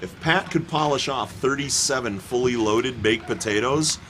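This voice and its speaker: A man's voice: mid-range voice, moderate pace, music in the background. A man calling an amateur hockey game from the booth, roasting players with playful jokes. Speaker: play-by-play announcer. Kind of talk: joking amateur hockey commentary. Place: rink booth.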